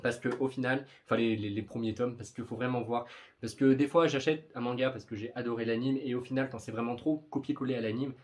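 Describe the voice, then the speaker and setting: A man's voice: medium pitch, steady tone, fast talker, a little mellow. A young man chatting casually in a vlog about upcoming manga, rambling and often stumbling over his words. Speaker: manga YouTuber.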